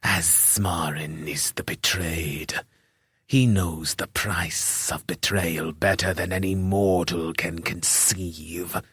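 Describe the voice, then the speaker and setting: A man voicing a short, robed, fanatical priest who speaks with a lisp in a hushed, whispery way. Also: low voice, fairly even intonation, takes it slowly, breathy edge, no room sound, clean studio sound, exaggerated voice. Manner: hushed, whispery, distant delivery.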